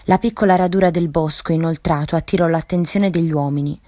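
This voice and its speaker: A woman on a radio literature show reading a story aloud in a measured, dramatic way. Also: deep voice, steady tone, dark tone, no room sound, clean studio sound.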